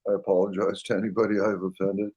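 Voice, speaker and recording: A man's voice: low voice, flat delivery, fast, warm tone, breathy edge, dull audio. A middle-aged man, chatting casually and apologetically on a webcam call. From Canada. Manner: rambling, apologetic. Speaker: livestream host. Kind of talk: casual chat.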